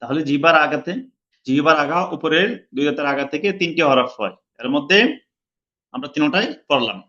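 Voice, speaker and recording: Teaching letter pronunciation online, a Quran recitation teacher with a Bangladeshi Bengali accent repeats each sound slowly and patiently, at times chanting it out long. His voice is a little high with a fairly bright tone, and the highs are cut off.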